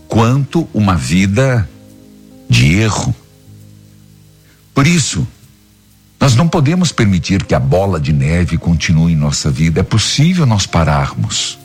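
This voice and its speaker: Husky priest preaching on radio. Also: male voice, medium pitch. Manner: fervent, scolding exhortations.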